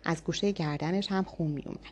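A woman with a fairly low voice narrating a first-person audiobook. She reads calmly and evenly, keeping a steady tone through the story.

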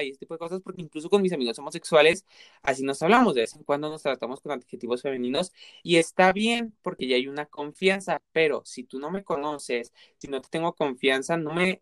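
A man with a Mexican accent talks in an earnest, explanatory way, piling up examples as he goes. His voice sits a little high and comes across smooth and resonant. The recording is close and dry. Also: a bit bright, dry recording. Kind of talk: casual chat.

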